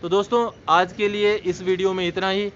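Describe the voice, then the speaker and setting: A man's voice: high-pitched, level tone, moderate pace, a bit bright. A man hosting his own video channel, earnestly explaining an issue and addressing viewers as friends. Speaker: YouTube channel host. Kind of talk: informational vlog address. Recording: slightly dull sound with faint noise.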